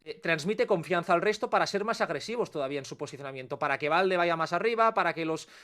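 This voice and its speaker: A man with a Spanish accent, a football pundit giving quick, analytical commentary on a sports talk show. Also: a little high, lively intonation, a bit bright. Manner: fast, analytical, dense run-on sentences.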